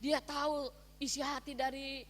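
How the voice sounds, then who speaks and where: A woman pastor preaching a sermon, swinging between soft asides and loud, emphatic calls to her listeners. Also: high-pitched, flat delivery, moderate pace. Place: prison hall, preaching to inmates. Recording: long hall reverb.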